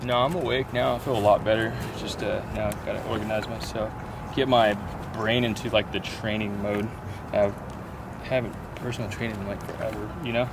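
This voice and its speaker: Laid-back slangy man, fairly low voice, clear noise behind. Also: fairly even intonation, fairly quick. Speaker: fitness coach. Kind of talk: casual chat.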